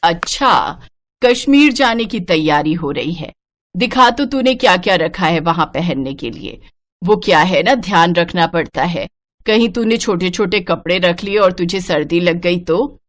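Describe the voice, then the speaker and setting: In an animated moral-story cartoon, a woman voices a bossy, disapproving middle-aged mother-in-law who scolds and domineers. Her voice is lowish, animated and a little slow.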